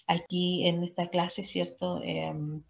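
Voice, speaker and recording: A woman gives an online English lesson in a fairly low voice. She keeps checking in with her students after almost every phrase. The sound is dull and lo-fi, like an online class recording. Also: level tone, slow pace, vocal fry. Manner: peppers speech with "¿cierto?" and "¿ok?". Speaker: English teacher.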